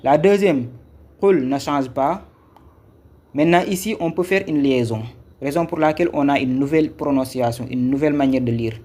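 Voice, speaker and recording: A man's voice: mid-range voice, normal speed, warm tone. A man teaching a live-streamed lesson on Quran reading, patient, repeating each step and checking if viewers follow. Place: Senegal.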